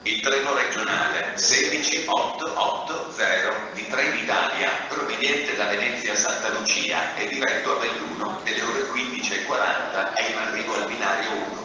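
A man's voice: fairly low pitch, moderate pace, few pauses, crowd noise. Echoing male train station announcement. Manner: formal, segmented automated delivery. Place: outdoor railway platform, over public-address speakers. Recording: echoey outdoor loudspeaker from far off, loud noise. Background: loud station ambience and vehicle noise.

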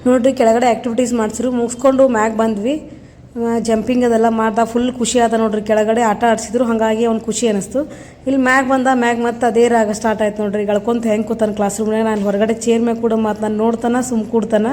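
A mother from North Karnataka chats fast into her phone camera in a regional Kannada accent. Her voice sits a little high but mellow and stays level in tone. She keeps showing viewers things in a casual vlog way. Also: flat delivery, a little hiss or hum. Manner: chatty, keeps saying "see" to viewers. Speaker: mother vlogger.

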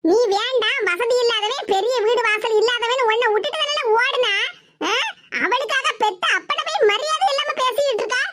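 A nagging cartoon mother with a Tirunelveli Tamil accent, her voice pushed extremely high and squeaky. She rattles off complaints in a sharp-tongued way. A loud hiss sits under the recording. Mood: scolding. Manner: nagging, scolding, rapid complaints. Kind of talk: animated comedy sketch voice acting.

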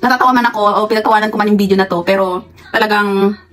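A woman's voice: medium pitch, fairly even intonation, very fast, a bit bright. A woman with a Filipino accent, a worker abroad who chats casually to her viewers, laughing often and giving encouraging advice. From Philippines. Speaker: vlogger. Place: employer's home abroad.

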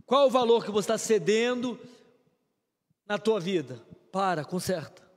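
Brazilian male pastor, emphatic sermon, high voice, reverberant church hall. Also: animated, unhurried. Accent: Brazilian Portuguese. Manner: emphatic preaching with repeated short commands. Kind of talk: live-streamed sermon. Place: church sanctuary.

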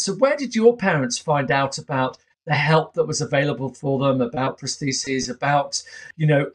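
A man in his fifties hosting an interview over a video call from a small home room, asking measured questions with frequent fillers. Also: medium pitch. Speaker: interview host. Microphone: webcam on a video call.

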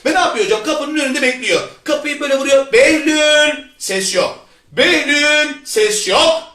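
A male teacher giving an animated storytelling lesson, repeating key words for emphasis. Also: very high voice, brisk, roomy sound. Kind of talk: lively storytelling lecture.

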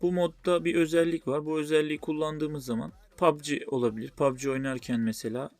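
Male tutorial host, fairly high voice, step-by-step spoken explanation, dry close sound. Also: level tone, fairly quick, no room sound. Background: music.

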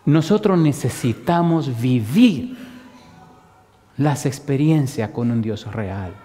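Pastor preaching in a hall. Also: male voice, medium pitch, takes it slowly. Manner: lively storyteller who acts out the people in his stories. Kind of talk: storytelling sermon. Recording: long reverb of a large hall.

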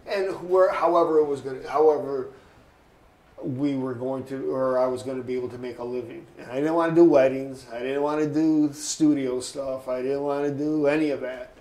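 A man's voice: mid-range voice, steady tone, normal speed, darkish tone. A man in his sixties telling stories in an oral history interview, rambling and acting out other people's voices. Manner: rambling storyteller, acts out quoted voices. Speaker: interviewee, photographer. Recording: echoey room, faint ambient noise.

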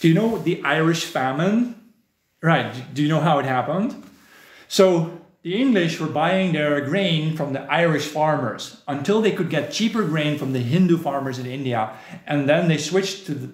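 A man's voice: fairly high pitch, moderate pace, roomy sound. A man from the southern Netherlands, hosting a live stream in a casual, rambling, opinionated way, often adding "you know". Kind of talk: casual live stream chat reading viewer comments.

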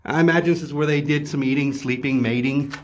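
A middle-aged man with a Texan accent films himself on a handheld phone camera while walking through a ruined zoo outdoors, narrating casually, thinking aloud and repeating words. The vlogger's medium-pitched voice is fast with fairly even intonation, and the recording is dry.

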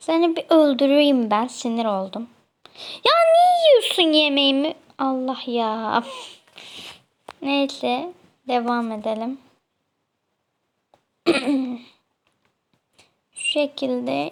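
A woman's voice: high-pitched, darkish tone. A young woman from Turkey chatting casually while playing a game, scolding other players with mock annoyance. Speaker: gamer. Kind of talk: casual gameplay commentary.

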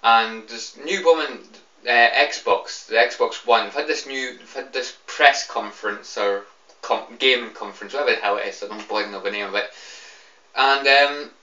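A man's voice: mid-range voice, bright, forceful tone. Drunk, annoyed young British man ranting, roomy sound. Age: young adult. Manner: annoyed, repetitive, rambling, swearing. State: tipsy, drunk. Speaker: video game fan giving opinions. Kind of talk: casual off-the-cuff rant to camera. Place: small room indoors. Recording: roomy, distant, slightly dull webcam sound.

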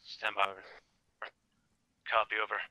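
A man's voice: fairly low pitch, monotone, moderate pace, pushed and bright, no room sound, poor audio. A man giving clipped military radio callouts as a player in a game.

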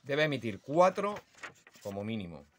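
A man's voice: medium pitch, very animated, a little hiss or hum. A man with a Spanish accent teaching the rules for judging songbird calls, imitating the calls aloud. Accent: Spanish (Spain). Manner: slow, deliberate, imitates bird calls aloud. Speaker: birdsong judging instructor. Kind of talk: explanatory lesson.

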